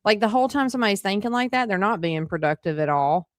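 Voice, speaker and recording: A woman's voice: mid-range voice, expressive, fast, no echo, clean studio sound. A woman hosting a casual interview, chatty and peppered with fillers. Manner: chatty, with frequent "like" and "you know" fillers. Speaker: host.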